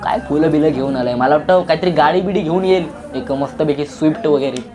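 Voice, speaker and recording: Male vlog narrator, mocking and comic, with music loud behind him. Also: on the high side, fairly quick. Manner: mocking, teasing commentary. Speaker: vlogger narrating over footage. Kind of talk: sarcastic comic voice-over.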